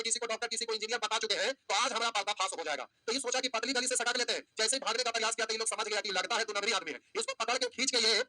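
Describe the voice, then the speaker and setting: A man's voice: sits high, bright, forceful tone. A male maths teacher, teaching a class by telling a story and repeating his points. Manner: storytelling teacher, repetitive, addresses students as "pyare".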